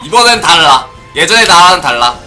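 A man giving playful let's-play commentary on a racing game, often shouting excitedly. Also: on the high side, fairly quick, soft background music. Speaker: gaming streamer.

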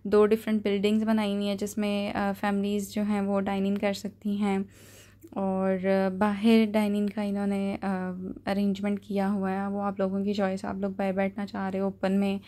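A young woman, giving a relaxed, hesitant review with many fillers as a vlogger. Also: medium pitch, moderate pace. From Pakistan. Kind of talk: casual voice-over review.

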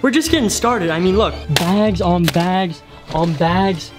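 A young man giving excited, playful, teasing vlog commentary as host of a challenge. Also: sits high, a little slow. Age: young adult. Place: outdoors by a backyard pool. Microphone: handheld camera at arm's length. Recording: loud background music.

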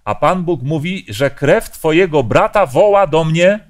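A man's voice: on the high side, lively intonation, unhurried. A man leading a Bible study discussion, explaining passages and asking the group questions.

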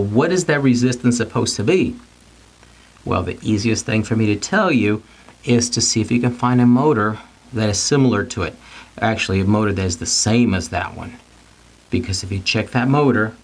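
The recording is low quality, capturing a fairly low-pitched man's voice. He is a middle-aged technical instructor giving an informal whiteboard lesson, plain-spoken, repeating and rephrasing each point step by step.

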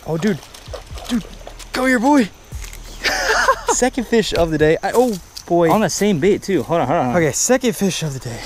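Excitable young man vlogging while fishing. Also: high voice, normal speed, pauses often, slight background noise. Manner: excitable, slangy, talks to viewers while fishing. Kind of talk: casual outdoor vlog commentary. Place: outdoors at a park pond. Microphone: action camera, head-mounted and handheld.

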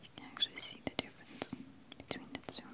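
A woman whispering throughout in a breathy ASMR style, musing aloud in a tentative, unhurried way as she compares products, close to the mic. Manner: talks with a candy in the mouth. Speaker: ASMR video creator.

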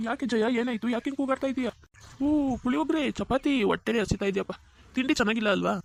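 A jolly, food-loving father-in-law in a cartoon, voiced by a man. He gloats and teases in a raised, gravelly voice at a breakneck pace, with a faint hiss underneath. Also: very high-pitched, quick pace. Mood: gloating. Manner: gloating, teasing.

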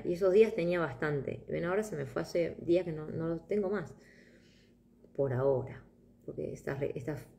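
A middle-aged woman, giving a live meditation talk in a soft, reflective way, telling personal stories. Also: mid-range voice. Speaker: meditation guide.

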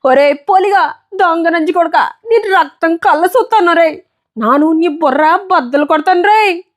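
A woman voicing a desperate poor street boy who wails and shouts insults in a storybook reading. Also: very high-pitched, measured pace, pitched above the performer's own voice. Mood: furious.

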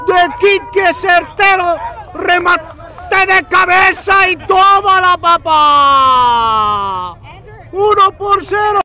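A man giving excited, shouted football goal commentary, exuberant, with drawn-out cries. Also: very high-pitched. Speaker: amateur football match commentator. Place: outdoors beside a park football field. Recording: outdoor recording with faint crowd noise.

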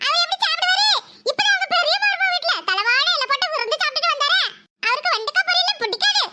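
A woman's voice: extremely high pitch, lively intonation, heavy background noise. A woman voicing a young boy who talks back rudely in a cartoon. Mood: cheeky. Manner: mocking, quick back-talk.

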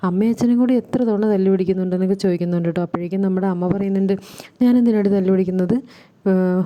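A woman vlogger casually retelling an upcoming TV serial episode, relaying each character's lines in quick conversational narration with frequent asides to the listener. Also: medium pitch, dark tone.

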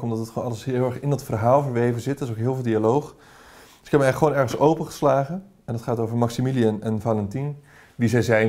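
A man's voice: mid-range voice, warm tone. Thoughtful man presenting a book. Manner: thoughtful, with restarts. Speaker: presenter, institute director. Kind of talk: book discussion and read-aloud.

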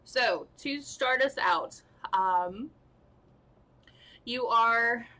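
A young woman narrating as dungeon master on a live stream, halting and full of fillers, laughing at her own slips. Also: a little high, pushed and bright, poor audio.

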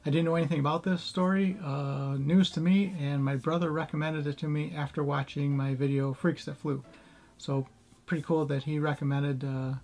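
In a room at home with bookshelves, a middle-aged man who makes history videos starts with casual chat before moving to scripted historical narration. He speaks in a somewhat flat way at normal speed, with a fairly high, creaky voice.

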